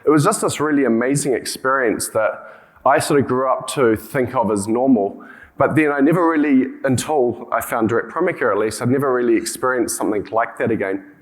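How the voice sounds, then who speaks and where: A man's voice: medium pitch, a little fast. A man from New Zealand with a broad Kiwi accent gives an informal conference presentation, hesitating and often repeating words as he goes. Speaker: conference speaker, company co-founder and CEO.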